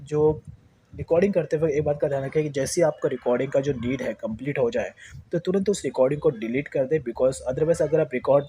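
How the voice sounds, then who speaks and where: A tech tutorial host with an Indian accent walks through a phone tutorial step by step in a casual, repetitive way, mixing in English words. His mid-range voice is mellow and slightly rough.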